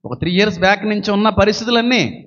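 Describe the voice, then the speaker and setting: A man's voice: high-pitched, fast talker, fairly bright tone. A man preaching a sermon in a dramatic way, acting out family quarrels in raised voices. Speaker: pastor. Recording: dull sound with long hall reverb.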